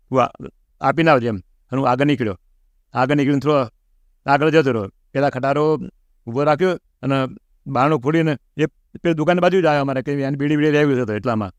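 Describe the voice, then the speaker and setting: A middle-aged man tells a personal pilgrimage story as an interview guest. He talks quickly and animatedly, and he acts out quoted lines with a raised voice. The sound is close and dry. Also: medium pitch, no echo.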